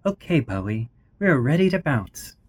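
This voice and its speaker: Brief: sarcastic female-voiced AI sidekick in a sci-fi storybook, dry wit, pitched up, as a man reads her. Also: big pitch swings, moderate pace, husky. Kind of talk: amateur story reading.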